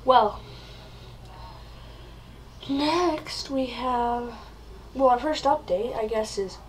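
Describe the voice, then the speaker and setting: A woman's voice: a little high, drawn-out words, slight background noise, low-quality recording. A woman vlogger hamming it up in a comedy video, acting mock-frightened and repeating her words. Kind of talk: comedic vlog.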